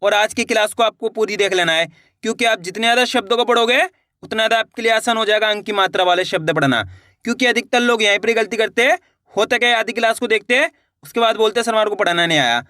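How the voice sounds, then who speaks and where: A man teaching Hindi reading online, sounding out syllables slowly and then explaining in a brisk, coaxing way, addressing viewers as friends. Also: high voice, bright, forceful tone, clean studio sound. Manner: addresses viewers as friends, repeats words for them to echo.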